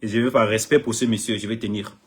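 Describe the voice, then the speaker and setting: In French, though English is his first language, a middle-aged Cameroonian artist manager speaks passionately to an audience, repeating himself and often stumbling. His voice is on the low side, steady and slightly rough, moving at a quick pace.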